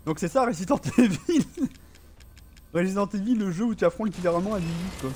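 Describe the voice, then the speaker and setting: A man's voice: high voice, a little fast, over music. A man streaming a horror game, commenting live, swearing often and talking back to the enemy on screen. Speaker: gaming streamer.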